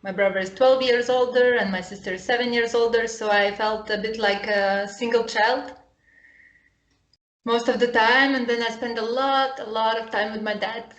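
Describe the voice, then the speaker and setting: A woman of thirty from Lithuania, a guest chatting casually over a call and often pausing to search for English words. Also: on the high side, steady tone, dull audio. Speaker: guest, upcycling designer and potter. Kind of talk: casual chat. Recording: roomy echoey sound.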